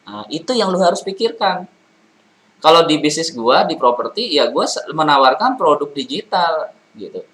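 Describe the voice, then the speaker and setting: A man's voice: fairly high pitch, very animated, normal speed, a bit bright, poor audio. A man giving business advice in a loose, chatty monologue, full of fillers and restarts. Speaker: property and business consultant.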